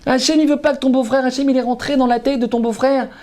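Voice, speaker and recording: A man who is a rabbi preaching a passionate sermon, repeating himself for emphasis and swinging from loud exclamations to low murmurs. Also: steady tone, fast talker. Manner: emphatic and repetitive, often calling out to listeners. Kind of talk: impassioned sermon.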